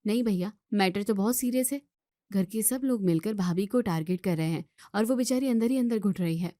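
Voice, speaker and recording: A woman's voice: medium pitch, a little fast, warm tone, dry recording, clean studio sound, close to an everyday voice. A woman voicing Kirti, a caring young woman from the city, who talks earnestly and pleads in a cartoon story.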